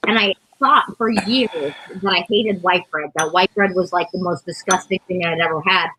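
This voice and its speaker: A woman's voice: on the low side, normal speed, bright, forceful tone, slight background noise, low-quality recording. A woman chatting casually during an eating contest, telling anecdotes and peppering her talk with "like". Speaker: competitive eater.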